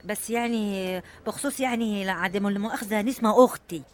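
A woman's voice: mid-range voice, quick pace, natural voice. An actress playing an anxious, deferential village woman with a rural Egyptian accent, pleading and lamenting in a radio drama. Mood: meek.

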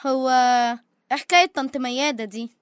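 A woman's voice: high-pitched, fast talker, fairly bright tone, dry recording. A woman with an Egyptian accent playing a sensible, outspoken young daughter in a radio serial, direct in manner. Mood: curious, reproving. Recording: faint music behind the voice.

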